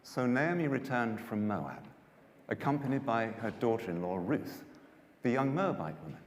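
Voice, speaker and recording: A man narrating scripture as a dramatised story, with a measured and expressive delivery. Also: medium pitch, a little hiss or hum. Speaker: narrator, Bible reader. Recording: echoey hall, long reverb, music.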